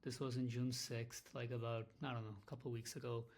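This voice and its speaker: Talking fairly quickly in a level, darkish, medium-pitched voice, the vlogger rambles frankly about his small business, cursing freely and running himself down.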